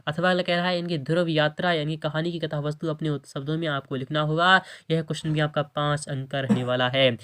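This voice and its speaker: Man teaching at a raised pitch. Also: steady tone, fairly quick, hardly any pauses, fairly bright tone, clear, resonant tone. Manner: repetitive, restates with "yani ki". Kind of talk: exam paper walkthrough lesson.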